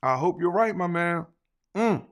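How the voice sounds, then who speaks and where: A man hosting a live sports talk stream, reading viewer comments in an animated way and often asking "right?". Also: high voice, measured pace.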